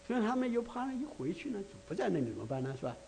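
Mellow-voiced man preaching conversationally. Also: very high-pitched, big pitch swings, rapid-fire, creaky. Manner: chatty, many rhetorical asides and restarts. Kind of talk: conversational sermon.

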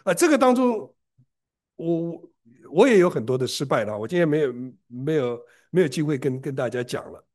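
A man delivering a sermon in a lively, storytelling manner, often restarting phrases as he goes. His pitch sits somewhat high for a man and swings widely as he speaks. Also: moderate pace. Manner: animated storytelling, frequent restarts and self-repair. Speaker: preacher. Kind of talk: sermon with personal stories.

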